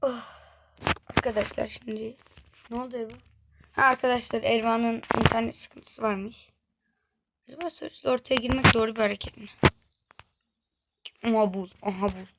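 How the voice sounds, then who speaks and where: A woman's voice: fairly high pitch, fairly even intonation, moderate pace, long pauses, very noisy. A woman hosting a gaming channel, giving casual gameplay commentary and chatting straight to her viewers. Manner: chatty, keeps addressing viewers directly.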